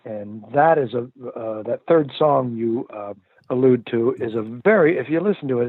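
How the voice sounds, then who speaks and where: Heard over a tinny phone connection, an older musician chats through his interview answers in a thoughtful way, full of laughter and filler words. He speaks at medium pitch, and the recording is dry.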